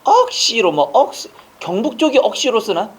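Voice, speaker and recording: A man gives an online exam-prep lecture, firing quick rhetorical questions at his listeners and dropping in casual jokes. His voice is extremely high and sing-song.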